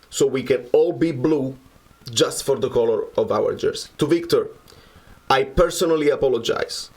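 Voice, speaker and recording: A musician from Naples, Italy, whose first language is Italian, reads an earnest, measured personal statement. He has a Neapolitan Italian accent and a slightly high voice.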